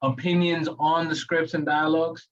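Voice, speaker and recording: A chatty man from New York talks shop about phone sales, laughing easily as he goes. His voice sits a little high and comes from a distance through a dull, lo-fi mic. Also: moderate pace. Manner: laughs often, animated and talkative. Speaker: real estate agent co-host. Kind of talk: casual training chat.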